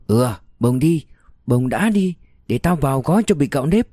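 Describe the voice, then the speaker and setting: A man's voice: medium pitch, expressive, moderate pace, dark tone, no room sound, clean studio sound, natural voice. A man voicing a talkative older rural aunt who chatters and scolds. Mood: bustling.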